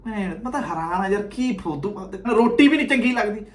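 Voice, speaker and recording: A man's voice: high voice, animated, quick pace. A man with a Punjabi accent giving mocking, abusive reaction commentary on video clips, often laughing. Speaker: comedy reaction creator.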